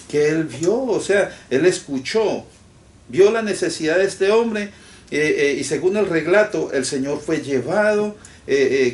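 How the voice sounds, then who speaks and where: A man preaching a sermon in a church, animated, often calling his listeners brothers. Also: on the high side. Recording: echoey room from far off with faint noise.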